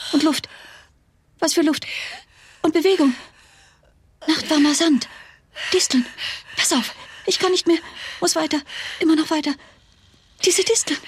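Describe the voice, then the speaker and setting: A woman's voice: sits high, natural voice. An actress playing a young woman fleeing a hijacked plane, speaking her thoughts in a breathless, broken inner monologue. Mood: frantic. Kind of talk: radio drama inner monologue.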